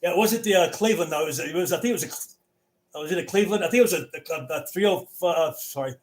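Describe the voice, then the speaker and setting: A man chatting casually as a radio net controller, halting and often repeating his words. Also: a little high.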